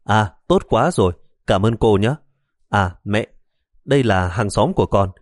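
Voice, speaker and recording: A man voicing a flustered young male police officer trying to calm his mother. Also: on the low side, unhurried, no room sound, studio quality. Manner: flustered, pleading.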